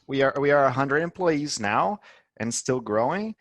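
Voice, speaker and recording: A Brazilian head of marketing, guesting on a business interview, talks eagerly and keeps repeating words as he gropes for phrasing. His medium-pitched male voice is expressive and moves at a normal speed, with no echo.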